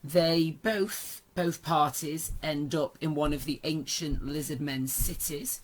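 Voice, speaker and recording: Hoarse man with a smoker's rasp, unhurried. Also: fairly high pitch, steady tone, slight background noise, low-quality recording. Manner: chatty, informal, playful asides. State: hoarse, worn-out voice. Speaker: video host and narrator. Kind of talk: casual fantasy lore commentary.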